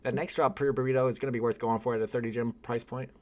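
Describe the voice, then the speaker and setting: A man's voice: medium pitch, fairly even intonation, racing. A man hosting a casual live stream, reading viewer comments aloud, rambling and exasperated and laughing often. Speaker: livestream host.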